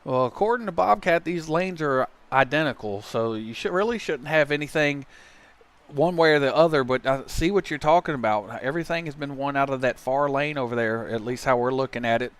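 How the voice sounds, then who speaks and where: Clear-voiced man calling truck races. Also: medium pitch, fairly quick. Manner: chatty, laughs easily, excitable on crashes. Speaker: race commentator. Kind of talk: play-by-play commentary. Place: commentary booth at a fairground track.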